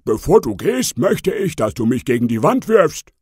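A man's voice: mid-range voice, sing-song, moderate pace, a little mellow, breathy edge, no echo, clean studio sound, pitched above the performer's own voice. A man voicing a rude, lazy fat male frog in a storybook parody. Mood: grumpy. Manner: rude, slangy.

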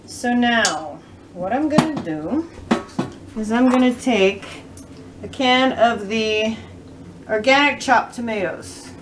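A woman's voice: fairly high pitch, lively intonation, slow, pauses often, noisy background. A middle-aged woman hosting a home cooking show, chatting through each step as she cooks in her kitchen. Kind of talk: casual cooking demonstration. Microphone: camera a few feet away. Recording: distant camera mic with kitchen clatter.

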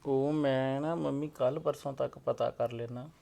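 A man's voice: mid-range voice, steady tone, moderate pace, vocal fry, warm tone, lightly acted. A young actor playing a lovestruck son in a family web drama, coaxing and pleading stubbornly with his mother. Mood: evasive.

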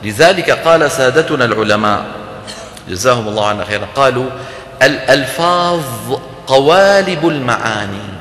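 A man's voice: mid-range voice, pushed and bright, a little hiss or hum. Man lecturing in an echoey hall. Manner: explanatory, asks the audience questions and demonstrates sounds. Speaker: lecturer on Quran recitation. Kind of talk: religious lecture to an audience.

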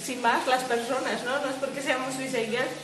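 High-voiced woman, Spain Spanish accent, casual livestream host, chatty and laughing often, phone mic in an echoey room. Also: steady tone, moderate pace. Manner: chatty, laughs often, reads viewer comments aloud. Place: at home lying in a swaying hammock.

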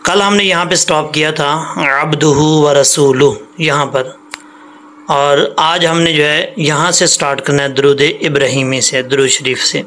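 A man's voice: on the high side, steady tone, moderate pace, pushed and bright, a little hiss or hum. A man teaching an online recitation lesson, explaining patiently and repeating points, stretching out syllables to demonstrate pronunciation.

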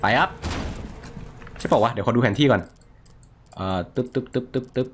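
A young man commentating his horror game play, excitable and crude, joking and swearing at enemies. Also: medium pitch, brisk, a little hiss or hum. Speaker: gaming streamer.

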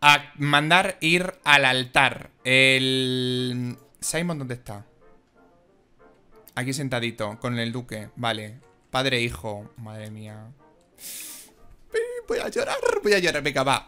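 A man giving casual, excitable and emotional commentary on a life-simulation game. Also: medium pitch, clear, resonant tone. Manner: excitable and emotional, exclaims and giggles. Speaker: gaming video host.

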